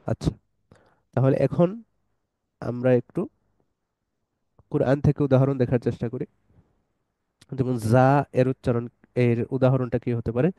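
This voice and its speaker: A man teaching an online tajweed lesson, explaining letter sounds patiently step by step and reciting verses slowly. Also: medium pitch, dark tone, no room sound, rough recording.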